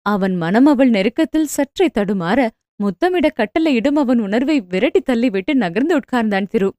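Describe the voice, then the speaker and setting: A woman's voice: on the high side, normal speed, dry recording, studio quality. Woman narrating a romance audiobook. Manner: smooth, expressive storytelling. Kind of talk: scripted narration.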